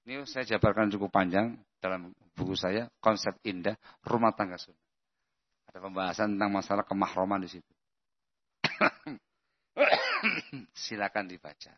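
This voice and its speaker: A man's voice: deep voice, fairly even intonation, normal speed, pauses often. A man preaching an Islamic lesson in a conversational way, often checking that listeners understand. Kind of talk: religious lesson with Q&A. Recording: muffled lo-fi lecture recording.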